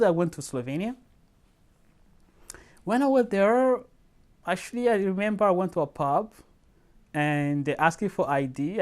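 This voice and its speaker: A young adult from Tanzania telling stories in a personal interview, laughing often and acting out dialogue. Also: mid-range voice. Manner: lively storyteller, laughs often, acts out quoted dialogue.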